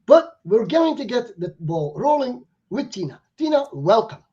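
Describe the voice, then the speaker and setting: A man's voice: very high-pitched, big pitch swings, moderate pace, warm tone, muffled recording. A man hosting a live online chat, talking casually with frequent fillers and restarts. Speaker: host.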